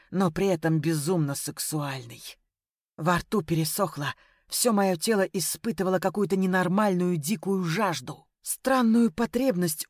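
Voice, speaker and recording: A woman's voice: lowish voice, no room sound, clean studio sound. A woman narrating an audiobook in a dramatic, emotive reading style.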